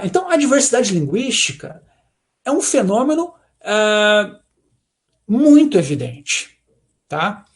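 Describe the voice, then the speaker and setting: High, gravelly Brazilian man lecturing. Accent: Brazilian Portuguese. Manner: explanatory, ends points with "tá?" checks. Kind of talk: online academic talk.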